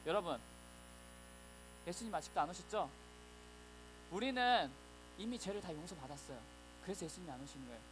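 A children's preacher voicing a smooth-talking deceiver who tempts believers, coaxing softly and then pushing. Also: mid-range voice, animated, brisk, long pauses, a little hiss or hum, voice pushed down, lightly acted, rough recording.

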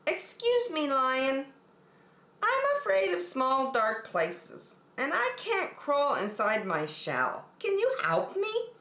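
A woman's voice: high-pitched, wildly swooping pitch, slow, pushed and bright, echoey room, voice pushed up, full character voice. A woman voicing a small, worried young boy turtle in a raised childlike voice, reading a storybook aloud.

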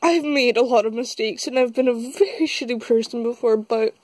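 A young woman talking haltingly in a confessional vlog, upset and tearful, as if she has just been crying. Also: a little high, darkish tone, no echo. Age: young adult. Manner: halting, slow, with long pauses. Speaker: vlogger. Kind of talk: confessional vlog, casual talk. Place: small dim room indoors. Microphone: phone held close.

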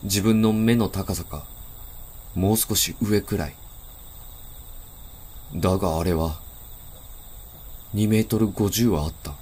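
A man narrating a first-person horror story in a deliberate, suspenseful way. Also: low-pitched, darkish tone, slight background noise. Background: background music.

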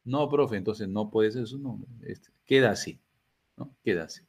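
A man's voice: on the low side, moderate pace, darkish tone, slightly rough. An older man with a Peruvian Spanish accent teaching a chemistry class, asking students questions and answering them himself. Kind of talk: classroom lecture.

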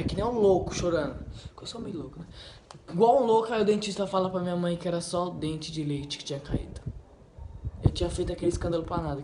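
Excitable high-voiced guy rambling. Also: noisy background. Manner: excitable, rambling, full of "tipo assim" and "né". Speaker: channel host. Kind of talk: casual storytelling vlog. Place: at home by a wall indoors.

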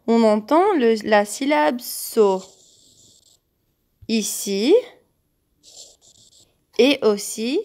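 A woman teacher giving a slow, patient homework lesson to young children, repeating each word several times. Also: on the high side. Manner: patient, repeats words and syllables, claps.

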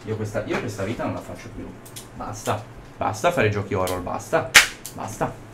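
A man's voice: on the low side, normal speed, very noisy. A young man doing a horror game let's play, swearing and jumping between panic and mocking banter. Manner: excitable, swears, swings from panic to mockery. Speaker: gaming YouTuber.

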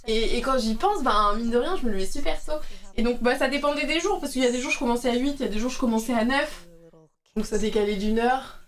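A woman in her thirties with a bright, high voice rambles casually to her live-stream viewers, full of fillers and little asides. She sounds worn from sleepless nights, and her voice sits a step back from the microphone. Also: fast, recorded from a distance. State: tired from night feedings. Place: at home, doing yoga on stream.

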